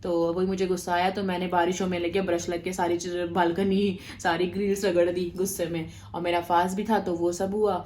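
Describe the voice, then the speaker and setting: A woman vlogger in casual storytelling to camera, chatty and animated, talking straight to her viewers. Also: fairly low pitch, fairly quick, few pauses, a little hiss or hum.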